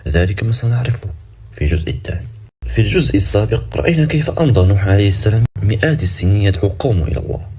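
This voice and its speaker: A man's voice: on the low side, warm tone, husky. A man narrating a dramatic story in a scripted, suspenseful way, ending sections with cliffhanger questions.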